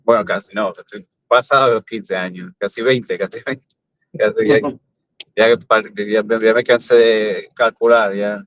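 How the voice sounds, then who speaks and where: A man with a Peninsular Spanish accent hosts a casual chat from a car. His voice sits fairly low, and the sound is dry and close. He keeps the talk going with easy questions. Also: fairly even intonation, unhurried, a bit bright, no room sound, rough recording. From Spain. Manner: chatty, asks many questions. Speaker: host. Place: car on a drive.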